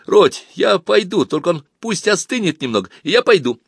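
A man's voice: high voice, very animated, normal speed, creaky, husky, no room sound, clean studio sound, pitched above the performer's own voice, full character voice. A man reading a story aloud, voicing a timid, chubby schoolboy make-up artist who mumbles and pleads. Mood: pleading.

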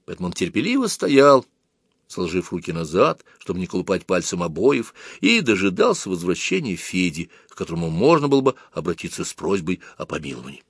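A man reads a children's story aloud at an even, measured pace. His voice is on the low side. The recording is close and dry with no room sound. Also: slightly rough, dry recording. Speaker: audiobook narrator. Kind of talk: scripted narration.

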